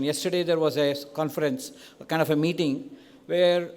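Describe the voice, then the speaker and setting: Indian guy doing a casual podium speech in a big reverby hall, slightly high voice, keeps checking in. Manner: conversational, frequent "right?" and "okay?" check-ins. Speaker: conference speaker. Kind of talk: informal podium speech to an audience. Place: large indoor event hall, on stage. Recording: long reverberant hall sound.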